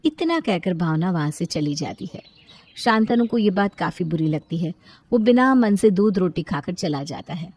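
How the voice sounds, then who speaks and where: A woman narrating a scripted moral storybook in an even storytelling manner. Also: on the low side, normal speed, husky, dry recording.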